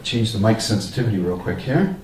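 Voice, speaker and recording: A man casually demonstrating a vocal effects pedal, explaining in a relaxed way with fillers and restarts. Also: fairly low pitch, a little fast. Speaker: product demonstrator. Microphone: open vocal mic at a distance. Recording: roomy, distant mic, faint hum.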